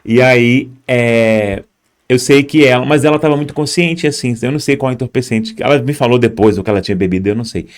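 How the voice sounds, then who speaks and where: A man's voice: medium pitch, a little fast. Man telling his own story. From Brazil. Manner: speaks straight to viewers and points at on-screen footage. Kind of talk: personal storytelling.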